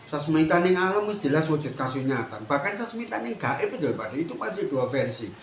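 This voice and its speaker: A man giving a chatty, animated spiritual talk as a teacher. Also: fairly high pitch, brisk, roomy sound, a little hiss or hum. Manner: animated, mixes Indonesian and Javanese, chatty asides. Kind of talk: spiritual talk, addressing listeners.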